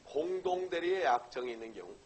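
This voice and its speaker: A man's voice: fairly high pitch, animated, fairly quick, darkish tone, a little hiss or hum, poor audio. A middle-aged man lecturing on law. He poses questions and answers them himself, and keeps checking that the class follows. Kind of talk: exam-prep lecture.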